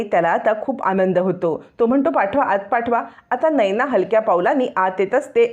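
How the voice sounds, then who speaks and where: A woman narrating a TV serial recap in an expressive storytelling way. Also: medium pitch. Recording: dull lo-fi audio.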